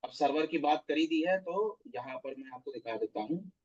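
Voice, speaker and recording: Husky-voiced man teaching coding. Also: fairly high pitch, lively intonation, normal speed, highs cut off. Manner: explains step by step, often checks with "theek hai". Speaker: web development instructor. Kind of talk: live online coding lecture.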